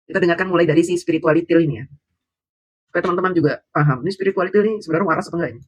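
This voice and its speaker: A man delivers a heated political rant in a quick, high voice, mocking and insulting as he goes. The sound is dry and close, with no room echo. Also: breathy edge. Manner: laughs scornfully. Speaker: political commentator. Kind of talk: angry political vlog rant.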